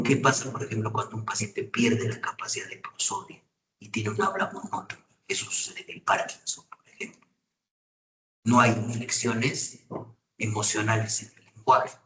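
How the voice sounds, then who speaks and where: A male lecturer teaching a class, pausing often to ask his students whether they follow. His voice sits at an ordinary pitch. It rings in an echoey room and is picked up from some distance away. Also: fairly bright tone. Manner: asks frequent checking questions to students. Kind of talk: university lecture on psychopathology.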